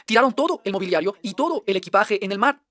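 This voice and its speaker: A man preaching a translated sermon at a rapid clip. He presses his points with rhetorical question after question. The recording is close and dry, with no room sound. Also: high-pitched, animated, bright, forceful tone, no echo. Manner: emphatic, fires off rhetorical questions.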